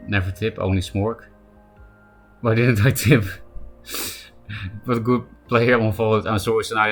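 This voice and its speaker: Streaming a card game, the Polish-accented man keeps up casual chatter, responds to viewers by name, and throws out quick asides. He speaks in a lowish, slightly bright voice.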